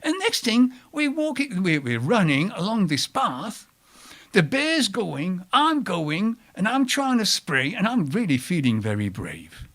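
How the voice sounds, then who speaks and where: Animated man telling a story. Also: measured pace. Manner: animated, wide swings in pitch and loudness; chatty asides to the audience. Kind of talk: live oral storytelling. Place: storytelling event before an audience.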